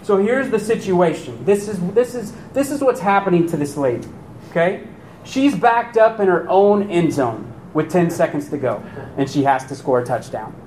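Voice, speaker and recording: A pastor preaching a sermon to his congregation in a lively, animated way, firing off rhetorical questions. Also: moderate pace. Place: church sanctuary. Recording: echoey room with faint rumble.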